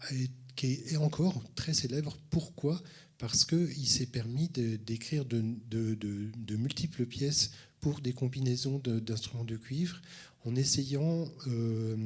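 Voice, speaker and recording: A man's voice: medium pitch, darkish tone, husky. A man who teaches cello, introducing the next piece at a concert and often restarting his phrases. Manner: hesitant, many restarts. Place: concert hall at a conservatory.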